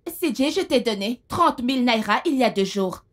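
A woman dubbing a high, sharp-tongued big sister. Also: expressive, normal speed, close to an everyday voice. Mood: scolding. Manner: scolding, mocking. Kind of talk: French film dub.

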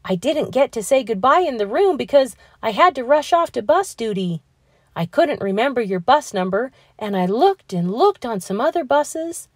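A woman voicing an affectionate, excitable female schoolteacher in a children's storybook, effusive and exclaiming. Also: fairly high pitch, a little slow, no room sound, clean studio sound. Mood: excited, relieved. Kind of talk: children's storybook character reading.

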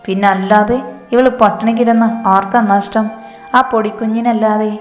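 A sharp-tongued, worried older mother, as a woman narrator plays her, scolding in a fairly level voice. Her lines echo in a reverberant room over a soft music bed. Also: mid-range voice, steady tone, normal speed, lightly acted. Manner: scolding, then tearful pleading.

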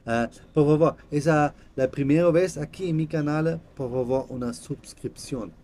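Slow, halting man with German accent. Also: fairly high pitch, dark tone. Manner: halting, simple broken phrasing. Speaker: host of a card-opening channel. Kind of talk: casual vlog chat in halting non-native Spanish. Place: small room indoors.

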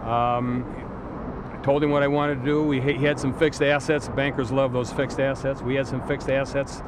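A man's voice: medium pitch, little pitch movement, normal speed. Middle-aged man, emphatic and direct, outdoor interview, city traffic noise. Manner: blunt, emphatic, repeats words. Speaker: business owner giving advice. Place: outdoors on a waterfront pier.

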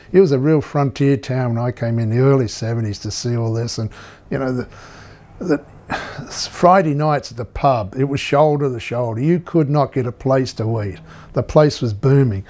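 A man in his sixties recalls his working years in a relaxed, rambling way with many fillers, speaking indoors on a video call. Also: medium pitch, moderate pace. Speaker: interviewee. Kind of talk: oral history recollection. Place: indoor room.

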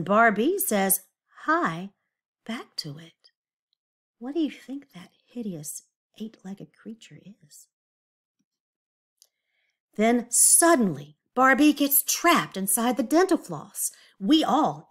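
Reading a storybook to young children, this female teacher is animated and slow-paced, drawing out emphatic words and sharing confiding asides. She asks the kids questions, and her pitch is fairly high.

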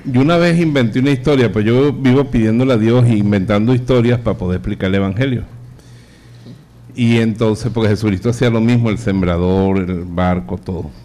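A man's voice: lowish voice, a little fast, dark tone. A man, a priest giving a live sermon, telling jokes and acting out the characters. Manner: acts out joke characters with voice changes. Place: church or chapel hall, live audience. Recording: live radio broadcast, faint noise.

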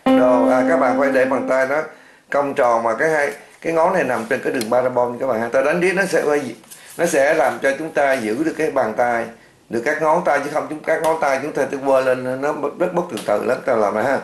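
A man's voice: medium pitch, a little fast. A man teaching a beginner organ lesson, patiently counting beats and chanting note names. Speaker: music teacher. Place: music classroom indoors. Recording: echoey room with organ playing.

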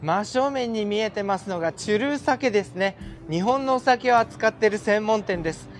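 Faint music plays behind a middle-aged man whose high-sitting voice has lively intonation and normal speed. As a vlogger, he narrates a casual outdoor walking tour of city streets and a park, chatty, polite and enthusiastic, recording on a handheld wide-angle camera.

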